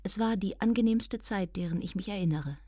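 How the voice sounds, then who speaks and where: A woman's voice: mid-range voice, a little fast, warm tone, no echo, clean studio sound. A woman reading a nineteenth-century novel aloud in the first person, in an ironic, affected, theatrical manner. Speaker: reader.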